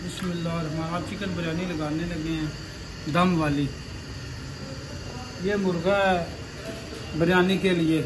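Male cook explaining, a little high. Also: normal speed, pauses often. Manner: calm step-by-step explaining. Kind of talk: cooking demonstration. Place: outdoor restaurant kitchen. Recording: clear background noise.

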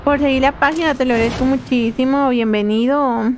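High-voiced chatty woman streamer. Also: fairly even intonation, fairly quick, darkish tone, slight background noise. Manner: chatty, reads chat aloud, laughs often. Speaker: game streamer. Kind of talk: casual live-stream chat.

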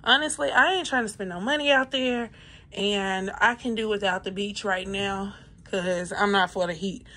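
A woman's voice: mid-range voice, moderate pace, pushed and bright. A woman in her thirties, a travel vlogger, chatting candidly to viewers with a phone held at arm's length on a cruise ship. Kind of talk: casual vlog with voice-over. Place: on a cruise ship, cabin and open deck.

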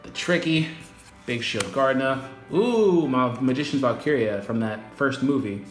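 A man talking through an unboxing in an easygoing, chatty way, rattling off long lists and apologizing for his setup. His voice rings with a noticeable echoey room sound, and clear music plays behind him. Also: medium pitch, expressive, a little slow. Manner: casual, rattles off lists of names, apologetic asides. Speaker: YouTuber unboxing trading cards. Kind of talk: casual unboxing vlog. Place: indoor home room with echo.

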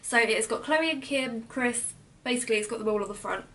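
A young British woman blogger, chatty and enthusiastic, with a voice a little hoarse from losing it. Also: a little high, fast, a bit bright. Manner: chatty, enthusiastic product talk with many ums. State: losing her voice. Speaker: beauty blogger. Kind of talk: casual gift-guide vlog.

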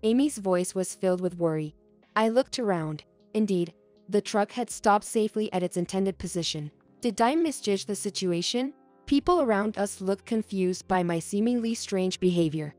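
A young adult woman reading a first-person story aloud as narrator, in a soft, earnest storytelling manner. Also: mid-range voice, normal speed, dry recording, soft background music.

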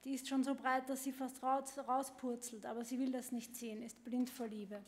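A woman's voice: high-pitched, little pitch movement, normal speed, a little mellow. A woman voicing a suspicious, bewildered father bird who mutters his grievances, at a literary reading. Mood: aggrieved. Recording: long hall reverb.

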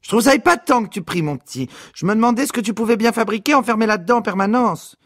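A man voicing a fussy, nagging working-class mother in a raised, shrill voice. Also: lively intonation, fast, fairly bright tone, dry recording, studio quality. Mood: cloying surprise.

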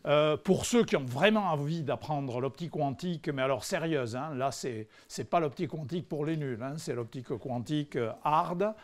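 Man lecturing with halting, chatty delivery. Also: a little high, animated. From France. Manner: conversational, hesitant with frequent fillers; dry humorous asides to the audience. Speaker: physicist giving a public lecture. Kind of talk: public science lecture. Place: lecture hall before a live audience.

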